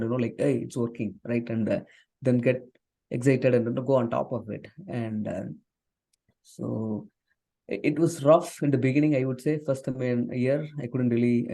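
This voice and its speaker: In a conversational interview, a mellow, medium-pitched man is the guest: a software engineer and author in his forties, from southern India, with Tamil as his first language. He comes across as earnest, often using fillers and starting over.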